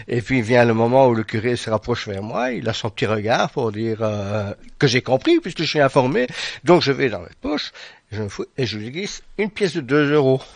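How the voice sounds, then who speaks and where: A man with a Belgian accent, a radio guest telling anecdotes in a lively way, laughing and acting out dialogue. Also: mid-range voice, gravelly, dry recording. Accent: Belgian French.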